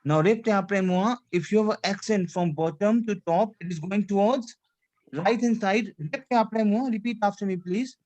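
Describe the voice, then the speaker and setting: A language teacher drilling French pronunciation in English with French phrases mixed in. The delivery is repetitive and insistent, asking "clear?" after nearly every point. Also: medium pitch, fairly quick, darkish tone, dull audio. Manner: repeats phrases, checks understanding with "C'est clair? D'accord?"; mixes English with French phrases and a little Hindi. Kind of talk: online language class.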